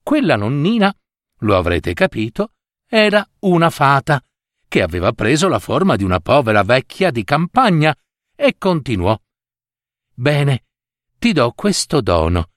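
A man reading a fairy tale aloud, lively and speaking directly to his listeners. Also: medium pitch, moderate pace, dry recording, studio quality. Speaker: storyteller.

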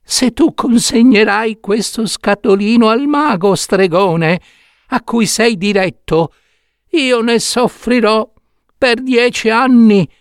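A man voicing a tiny enchanted young prince trapped in a box, begging in a thin, high little voice. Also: takes it slowly, clean tone, dry recording, clean studio sound. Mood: urgent. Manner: begging, repeating his plea.

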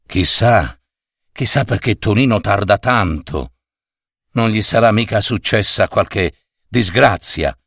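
A man voicing an anxious father who mutters low and uneasily. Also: slow, fairly bright tone, no echo, studio quality, heavily acted. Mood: worried.

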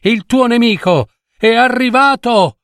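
A man putting on a shrill, desperate old mother. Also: unhurried, a bit bright, no room sound, studio quality, heavily acted. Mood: alarmed. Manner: high shrill pleading cries.

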